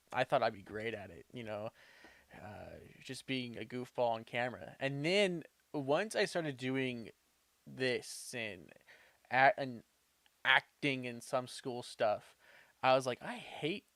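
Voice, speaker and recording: A man's voice: mid-range voice, a bit bright, dry recording. Eager young male podcast host. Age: young adult. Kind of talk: casual interview conversation.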